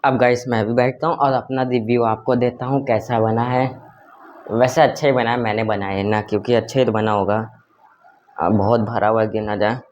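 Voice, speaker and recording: A man's voice: medium pitch, steady tone, moderate pace, a little mellow, muffled recording. Young male vlogger, casual and chatty, speaking on a phone mic at home, with a faint noise floor. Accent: Hindi. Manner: chatty, teasing, addresses viewers as guys. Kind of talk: casual vlog chat. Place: home, indoors.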